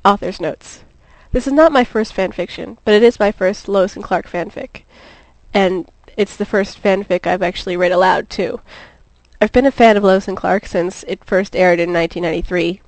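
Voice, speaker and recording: A woman narrating her own fan fiction aloud in a relaxed, chatty way. Her voice sits at a middling pitch. The sound is dry and close, with no room echo. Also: normal speed. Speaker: fan fiction author and reader. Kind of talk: reading a story aloud.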